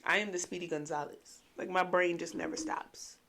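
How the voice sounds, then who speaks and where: A talkative woman co-hosting a podcast in casual, animated chat, with plenty of slang and swearing. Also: lowish voice, normal speed, gravelly. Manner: animated, amplified on the show. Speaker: podcast co-host.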